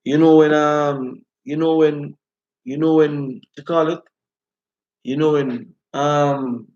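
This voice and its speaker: High-pitched man, rasta-style talk. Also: steady tone, slow pace, darkish tone, lo-fi sound. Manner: repeatedly checks listeners follow. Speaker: host of a live talk stream. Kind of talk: informal live commentary, reading out viewer comments.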